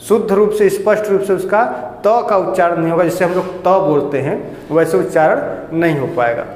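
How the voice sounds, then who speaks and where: A man with a high-pitched voice gives a Hindi grammar lesson in a classroom. He explains step by step, asking questions and answering them himself. The room is echoey with a long reverb, and a faint hum sits underneath. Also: moderate pace, a little mellow. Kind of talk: classroom lecture.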